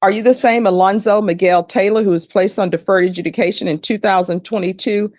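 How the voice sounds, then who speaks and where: A woman's voice: mid-range voice, steady tone, a little fast, a little mellow, no echo, studio quality. A woman speaking as a judge in a courtroom, questioning and lecturing in a stern, plain-spoken, admonishing manner.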